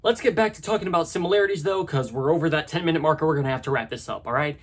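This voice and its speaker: A man with a husky voice narrating a scripted video essay in a conversational, analytical way, with casual asides. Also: fairly high pitch, rapid-fire, loud music behind the voice.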